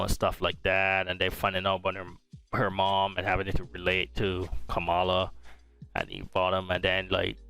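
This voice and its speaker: Young male podcast host, low and smooth, rambling casual review chat, faint music under him. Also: fairly bright tone. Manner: rambling, easygoing, often restarts his sentences.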